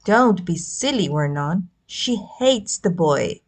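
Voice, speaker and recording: A woman's voice: fairly low pitch, animated, slow, exaggerated voice. A woman voicing a fussy storybook mother and aunt who swings between cloying and snappish. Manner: cloying to her son, sharp otherwise. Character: doting, snappish middle-class aunt and mother.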